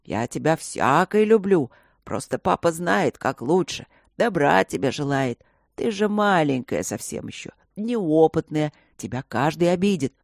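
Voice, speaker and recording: A woman's voice: sits low, animated, unhurried, vocal fry, no room sound, studio quality, full character voice. A woman voicing a burly, overprotective fantasy father who grumbles in a tipsy, doting way. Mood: grumbling.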